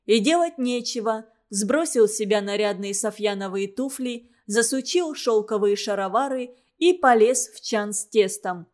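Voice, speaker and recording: Woman reading a folk tale, fairly high. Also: moderate pace, hardly any pauses. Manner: expressive, storytelling. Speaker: narrator. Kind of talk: storybook reading.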